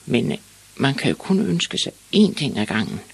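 A man voicing an eager, excitable young boy. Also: medium pitch, vocal fry, husky, voice pushed up, full character voice. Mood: pondering.

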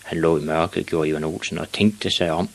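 Give me a deep-voiced man with a husky rasp, narrating a storybook. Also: steady tone. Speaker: audiobook reader.

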